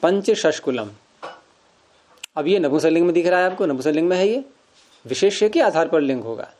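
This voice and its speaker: A man's voice: a little high, expressive, fast talker, darkish tone, a little hiss or hum. A man teaching Sanskrit grammar in an informal class, explaining patiently with everyday examples.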